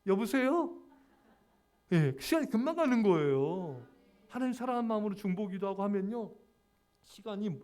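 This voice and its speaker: A man's voice: high-pitched, darkish tone. A male pastor preaching a sermon, asking the congregation questions and teasing them for an amen. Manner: jokes with the congregation, calling out for amens.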